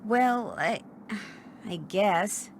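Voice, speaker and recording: A woman's voice: mid-range voice, lively intonation, very slow, a little hiss or hum. A woman voicing a curious, polite young woman detective in a mystery game. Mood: friendly. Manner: friendly, inquisitive. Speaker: game protagonist.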